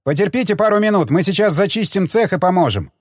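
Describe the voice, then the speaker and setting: A man's voice: high voice, animated, fast, dry recording, clean studio sound, voice pushed up. A man voicing a male marine who gives clipped, commanding orders in battle. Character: brisk male marine officer in combat.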